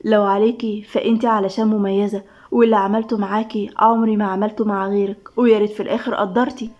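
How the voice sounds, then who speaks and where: A woman narrator puts on a cocky young man from an Egyptian office story, soft-spoken and teasing. He talks fast and keeps a slightly raised pitch for a man. His Egyptian accent colors every line. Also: fairly even intonation, natural voice. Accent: Egyptian Arabic.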